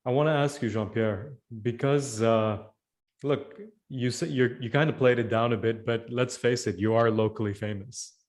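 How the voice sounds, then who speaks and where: A man's voice: mid-range voice, steady tone, normal speed, darkish tone. A man hosting a podcast, chatting with his guest and reminding viewers to subscribe. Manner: friendly, reads channel reminders. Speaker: podcast host. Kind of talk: casual interview chat.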